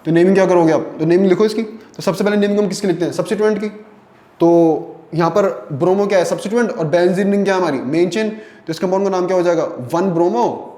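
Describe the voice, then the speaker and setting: A man's voice: high voice, quick pace, warm tone, reverberant. A man teaching a chemistry lesson in Hindi, explaining step by step and often checking whether students follow. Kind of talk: online lecture.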